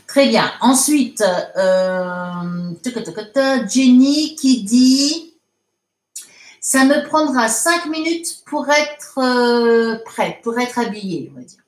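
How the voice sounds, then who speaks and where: A woman with a higher voice teaches English in a live online lesson, heard with reverb. She slowly and patiently reads out viewer comments and corrects them step by step, using lots of fillers.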